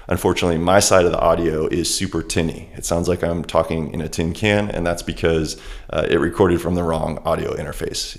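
A male podcast host with a very deep voice talks casually to his listeners. His delivery halts now and then as he repeats words while explaining. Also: creaky. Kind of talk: casual solo podcast introduction.

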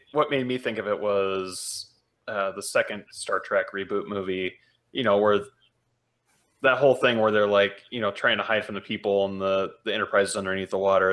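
Low-voiced guy on a podcast, chatty and animated, laughs as he tells it. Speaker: podcast co-host. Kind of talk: casual chat.

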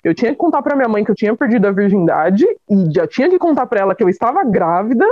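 A young woman telling her own life story as a guest, lively, acting out what others said. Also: medium pitch, quick pace, dry recording. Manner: lively, acts out quoted voices with laughter. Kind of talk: personal storytelling. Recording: dull lo-fi dry sound.

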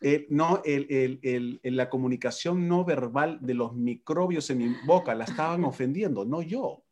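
A man chatting playfully with his wife, telling stories in a lively, performed way. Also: mid-range voice, normal speed. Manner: playful, animated storyteller. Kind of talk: casual chat about marriage.

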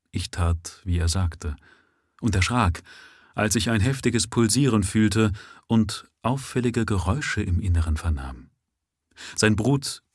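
A man sight-reading a novel aloud live, with steady storytelling. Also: lowish voice, slightly rough, no room sound, clean studio sound. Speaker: reader.

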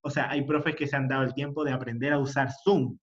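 A man's voice: mid-range voice, steady tone, fast, heavy background noise. Young Chilean man, lo-fi chat. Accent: Chilean Spanish. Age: young adult. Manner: chatty storytelling, filler-heavy. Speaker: university student. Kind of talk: casual chat. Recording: dull lo-fi sound.

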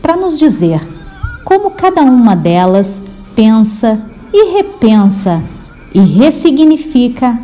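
A woman from Brazil hosting a podcast, reading a slow, measured introduction. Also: on the high side, sing-song, mellow, soft background music. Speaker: podcast host.

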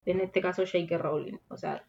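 A woman's voice: lowish voice, steady tone, normal speed, creaky, highs cut off. Chatty Rioplatense woman podcaster. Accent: Rioplatense Spanish. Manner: rambling, restarts, trails off into soft asides. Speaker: podcast co-host. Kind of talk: casual chat.

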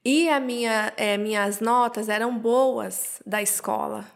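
A woman's voice: slow pace, creaky. A woman with a Brazilian Portuguese accent, telling a personal story as an interview guest and acting out the voices she quotes. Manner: animated, acts out quoted voices with jumps in pitch.

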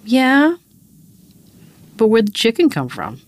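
A woman's voice: a little high, wildly swooping pitch, slow pace. A woman co-hosting a podcast, chatting casually and laughing often as she tells stories about her young daughter. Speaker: podcast co-host. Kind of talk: casual chat.

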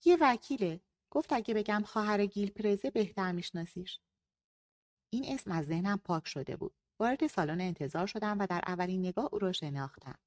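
A woman narrating a novel and reading the characters' dialogue in slightly shifted voices. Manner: lightly voices characters, higher and louder for dialogue. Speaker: audiobook narrator.

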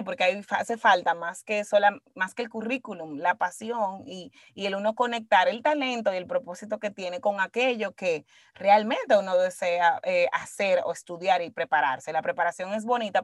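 A woman's voice: mid-range voice, dry recording. Dominican lady chatting in spanglish, reflective, emphatic, really dry recording. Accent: Dominican Spanish. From Dominican Republic. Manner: mixes English words into Spanish (Spanglish). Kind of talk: casual conversational interview, personal storytelling.

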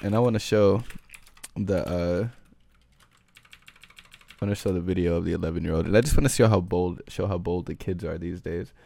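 A man's voice: low-pitched, fairly quick, creaky, pauses often, mellow, dry recording. A man hosting his own podcast, rambling in loose, slangy casual chat with lots of filler words. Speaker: podcast host.

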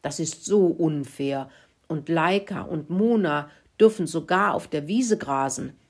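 A woman's voice: sits low, a little slow. A woman voicing a grumpy young male pony who sulks and complains in a storybook reading. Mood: sulky. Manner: snorting, sulky complaining.

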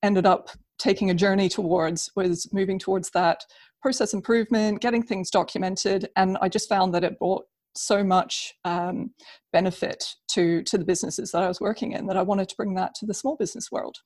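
A woman speaking as an interview guest, explaining things conversationally in an agreeable, measured way. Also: medium pitch, fairly even intonation, a little mellow, no room sound, clean studio sound. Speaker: interview guest, business process consultant.

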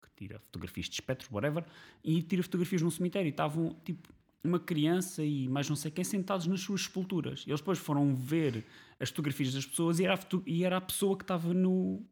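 A man's voice: a little high, fast talker, darkish tone, husky. A man with a European Portuguese accent chatting casually as a co-host, dropping English slang into his speech. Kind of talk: casual chat.

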